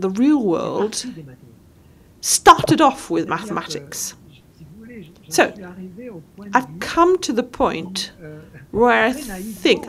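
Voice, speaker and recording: A woman giving live interpretation of a lecture, speaking in short halting phrases and correcting herself as she goes. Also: a little high. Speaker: simultaneous interpreter.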